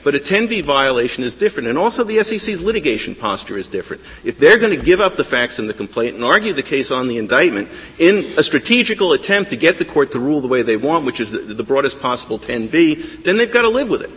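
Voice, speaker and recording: A man arguing a case before a high court, insistent and argumentative, often stumbling and repeating words. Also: sing-song, quick pace, few pauses, fairly bright tone, slightly rough. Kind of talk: appellate oral argument. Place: large courtroom. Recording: courtroom with long reverb.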